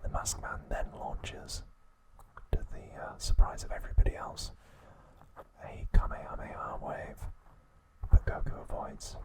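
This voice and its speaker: Short phrases separated by deliberate pauses make up this man's ASMR-style episode recap, delivered as a breathy, unvoiced whisper. The recording quality is low.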